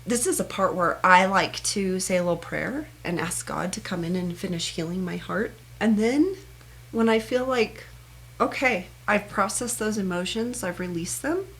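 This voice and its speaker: A woman guides listeners through a meditation technique, her voice soft and earnest. She talks in short, repeated phrases at a medium pitch. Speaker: meditation teacher. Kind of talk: gentle guided self-help instruction.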